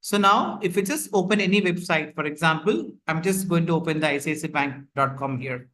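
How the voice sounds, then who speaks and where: An instructor running a live online class over a video call sounds animated, talking a little fast in a fairly bright, slightly high voice picked up by his computer mic. His explaining is repetitive and full of fillers, especially "like, you know."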